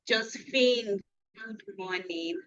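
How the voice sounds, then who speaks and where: A woman hosting an online training session, greeting attendees one by one and pausing over how to say their names. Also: a little high, fairly bright tone. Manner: unhurried, reading names aloud and pausing over pronunciations. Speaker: webinar host. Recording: dull lo-fi online call audio.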